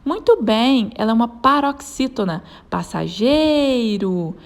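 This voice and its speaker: A woman narrating a grammar lesson as a teacher, sounding out example words slowly and clearly. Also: fairly high pitch, lively intonation. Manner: clear, slow stretched syllables when sounding out example words.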